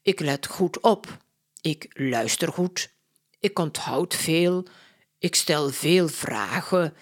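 Gentleman detective, read by a woman, polite, deliberate, slow storybook voice. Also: sits low, animated, heavily acted. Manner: slow, measured, courteous. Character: polite older male detective, calm and deliberate.

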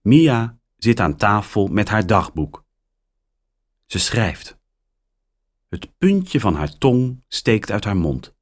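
A man reading a children's story aloud in a slow, expressive storytelling manner. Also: on the low side. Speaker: narrator.

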